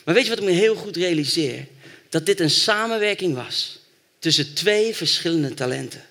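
A man's voice: on the high side, expressive, moderate pace, sharp tone. A man preaching a sermon, retelling a Bible story and building to fervent exhortation.

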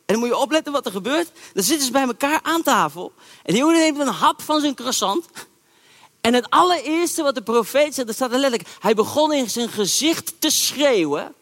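A man preaching a sermon, retelling a Bible story in a lively, colloquial way and acting out the characters' words. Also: very high voice, fairly quick. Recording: echoey hall reverb.

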